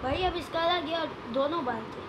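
A woman's voice: very high-pitched, moderate pace. A woman teammate making short, urgent call-outs during a game. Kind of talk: casual gameplay chat. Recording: noisy game chat audio.

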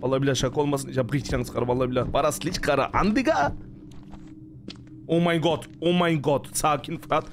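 A man's voice: mid-range voice, fairly even intonation, racing, hardly any pauses, slight background noise. A man giving panicky, jumpy let's play commentary on a horror game, full of sworn exclamations. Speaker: gaming streamer.

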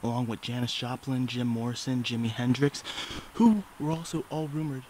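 Young man, casual vlog narration, handheld camera, clear outdoor noise behind. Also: medium pitch, moderate pace, low-quality recording. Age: young adult. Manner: loud and excited, drops to hushed asides. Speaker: vlogger. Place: outdoors at a ruined hillside house. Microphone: handheld camera at arm's length.

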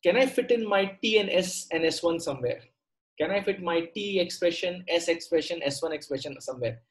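A man's voice: high-pitched, fairly quick. A middle-aged man with a South Indian accent teaches an online class step by step, conversationally, repeating phrases and checking in with questions. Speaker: maths teacher. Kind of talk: online lesson, explaining step by step. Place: indoor room, online class on a computer.

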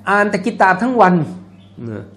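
A man's voice: high-pitched, moderate pace, fairly bright tone. A man giving a religious lecture in a mosque, explaining in a conversational way with jokes and asides, and chanting scripture passages. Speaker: Islamic lecturer. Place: mosque hall.

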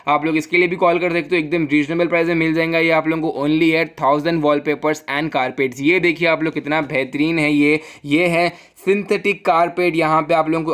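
A man doing a fast promotional voice-over for a shop, with a salesy pitch and a repeated "dude". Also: fairly bright tone. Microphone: voice-over over photos.

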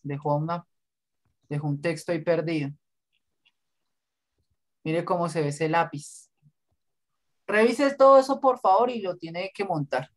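Blunt male teacher. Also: a little high. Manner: blunt, corrective, lecturing. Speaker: design teacher. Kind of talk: online class feedback.

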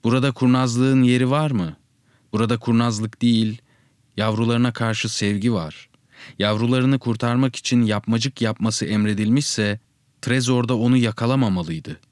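A man's voice: medium pitch, steady tone, normal speed, no room sound, natural voice. A man reading the lines of a tender-hearted young boy in a told story, earnest and pleading, in a dry, close recording. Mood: upset. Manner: pleading, earnest, rising to shouts.

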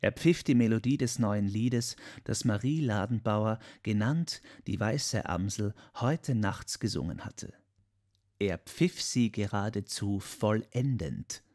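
A man reading a classic story aloud as an audiobook narrator, measured and storytelling. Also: lowish voice, animated, a little mellow.

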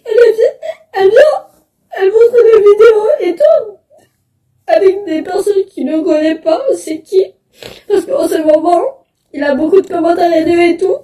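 A teenage girl from Belgium, a student, cries as she records a selfie video testimony on a phone held close with the front camera. Her high, mellow voice is tearful, halting and upset, and it sounds reverberant and far from the mic in a small indoor room.

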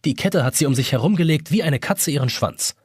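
Male audiobook narrator, expressive, a bit higher voice, very animated delivery. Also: brisk, husky, no room sound, clean studio sound. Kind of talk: scripted narration.

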